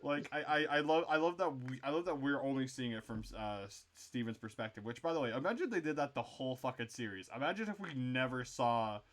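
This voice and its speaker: A man's voice: medium pitch, lively intonation, brisk, hardly any pauses, fairly bright tone. A man co-hosting a casual show review, rambling with lots of fillers and frequent swearing. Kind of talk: casual chat.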